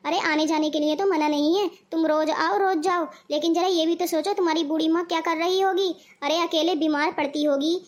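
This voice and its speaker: A woman's voice: extremely high pitch, fairly even intonation, fairly quick, hardly any pauses. A woman voicing a scolding, preachy middle-aged mother in a cartoon. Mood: lecturing. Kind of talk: cartoon voice acting.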